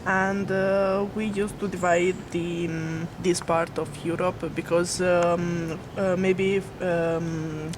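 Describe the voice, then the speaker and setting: A young Italian-accented woman in her early twenties explains her views hesitantly, pausing often on "um", in a level, flat voice. Clear traffic noise sits behind her. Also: fairly low pitch. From Italy. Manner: hesitant, with many "um"s. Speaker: university student. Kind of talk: casual interview answers.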